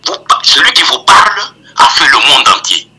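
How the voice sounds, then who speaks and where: A man's voice: mid-range voice, big pitch swings, normal speed, bright, forceful tone. Older man ranting over a phone line. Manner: emphatic, repetitive, stammering restarts. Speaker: political commentator guest. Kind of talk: impassioned political commentary by phone.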